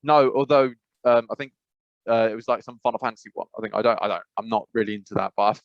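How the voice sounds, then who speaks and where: An English-accented man co-hosts a gaming podcast over a video call, talking quickly and casually in a fairly low voice, with lots of restarts and fillers. His remote call mic gives a dry, lo-fi sound.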